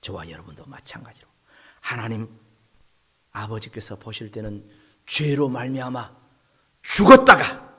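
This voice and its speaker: A man's voice: fairly low pitch, lively intonation, moderate pace, long pauses, breathy edge. A male pastor preaching a sermon, telling the story dramatically and dropping at times to whispers.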